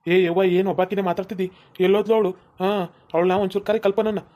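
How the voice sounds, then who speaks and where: A woman's voice: medium pitch, fairly even intonation, quick pace, dark tone, close to an everyday voice. A woman playing a touchy grown son who brushes off his mother, in a comedy sketch. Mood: irritated. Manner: brusque, defensive. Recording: slightly dull lo-fi recording.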